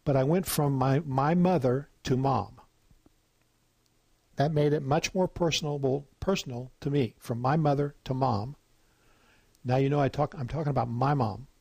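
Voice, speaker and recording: A man of middle pitch leads a writing workshop in a loose, conversational way. He fills his pauses with frequent ums and uhs. The recording is dry and close, with no room sound. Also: creaky, husky, no room sound. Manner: relaxed and chatty, often pausing with um and uh. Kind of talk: casual online teaching.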